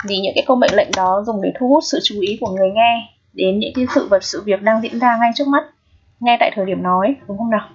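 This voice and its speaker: A Vietnamese woman teacher with a medium-pitched voice explains English grammar step by step, frequently checking in with her students. The recorded lesson sounds dull and lo-fi, with slight background noise.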